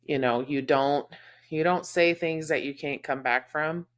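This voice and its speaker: Texan lady podcasting, real low voice, heartfelt and rambly, lots of ums. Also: a little slow. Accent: Texas. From Texas. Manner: candid, heartfelt, lots of fillers. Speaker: podcast co-host. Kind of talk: casual chat.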